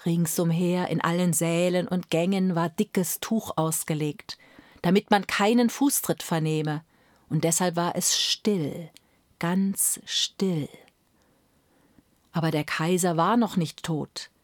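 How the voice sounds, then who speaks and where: Slow dramatic woman reading a fairy tale. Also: on the low side, steady tone, no echo, clean studio sound. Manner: slow, dramatic, drops to whispers. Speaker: storyteller.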